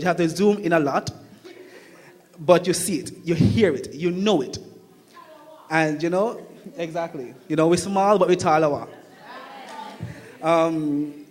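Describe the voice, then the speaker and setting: A young man with a Kittitian accent speaks off the cuff at a public meeting in a reverberant hall. His voice sits a little high, and he talks conversationally, repeating phrases to drive his points home. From Saint Kitts. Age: young adult. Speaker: returning student speaking at a town hall meeting. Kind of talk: impromptu public speech, personal testimony. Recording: reverberant hall with long echo.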